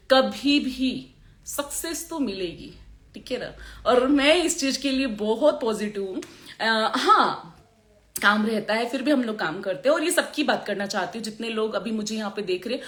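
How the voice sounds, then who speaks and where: A woman makeup artist chatting on a live stream, with a sore throat, animated and laughing often. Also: high voice, echoey room. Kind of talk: motivational live chat.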